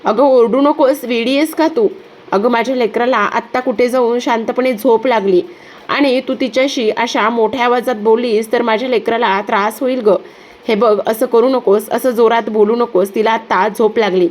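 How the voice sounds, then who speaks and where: A devoted mother, read out by a female narrator who pleads urgently to protect her sleeping daughter. The voice is slightly high and stays close to the narrator's own. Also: fairly even intonation, moderate pace, a little mellow, close to an everyday voice. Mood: pleading.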